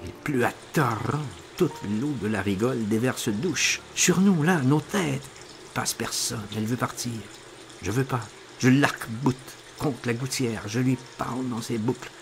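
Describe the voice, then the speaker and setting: A middle-aged man reading a first-person novel aloud, theatrical and impassioned, dropping to a hush and then rising loud. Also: mid-range voice, a little slow, gravelly, noisy background. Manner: impassioned, theatrical, swinging between hushed and loud. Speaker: audiobook reader.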